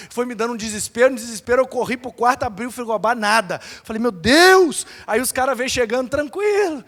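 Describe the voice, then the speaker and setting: A man's voice: extremely high pitch, a bit bright, big-room sound. A male pastor with a Brazilian accent, telling a story in a sermon and acting out the dialogue and sound effects. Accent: Brazilian Portuguese. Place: church hall.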